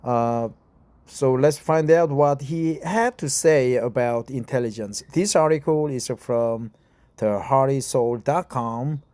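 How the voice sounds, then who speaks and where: A middle-aged man from South Korea practices English by reading an article aloud in a casual self-recording. With a Korean accent, he hesitates, using many fillers and correcting himself; his medium-pitched, darkish voice is slow, with no room sound.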